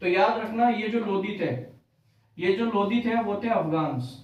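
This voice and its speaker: A man with a high voice teaches a history lesson for exam prep at a measured pace, recorded far from the mic with lo-fi sound in a very echoey room. He teaches in Hindi mixed with English terms, repeating each key fact as a question and then answering it.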